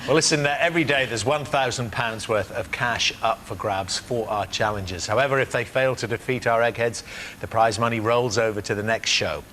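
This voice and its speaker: A male game show host in a TV studio, reading out multiple-choice questions at a brisk clip. He keeps things lively and drops in the odd "uh" as he chats with the players. His voice sits at an ordinary mid pitch. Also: a little hiss or hum. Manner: brisk, upbeat, with frequent "uh" fillers. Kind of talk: television quiz hosting. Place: television studio.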